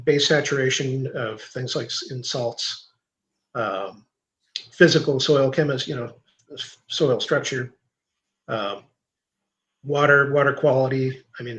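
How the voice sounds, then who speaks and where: A man's voice: medium pitch, a little slow, fairly bright tone, low-quality recording. A male guest explaining soil science in a technical, hesitant way. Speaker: guest agronomy expert. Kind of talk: explaining in conversation.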